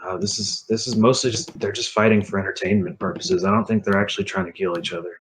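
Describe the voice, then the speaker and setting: A man speaking in character during a tabletop game, offhand and easygoing. His voice is very low. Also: fairly even intonation, fast talker, a little hiss or hum. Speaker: player.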